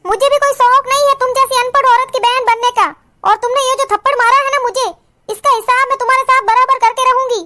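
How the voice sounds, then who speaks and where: A woman voicing a quarrelsome, sharp-tongued young sister-in-law who scolds and insults in a cartoon. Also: very high-pitched, fairly quick. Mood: insulting. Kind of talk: cartoon voice acting.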